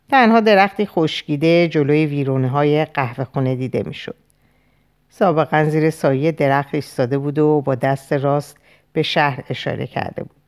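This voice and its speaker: A woman narrating a dark novel as an audiobook, slow and grave, with weighty pauses. Her voice sits low but moves widely and expressively between lines. The reading is deliberate and dramatic.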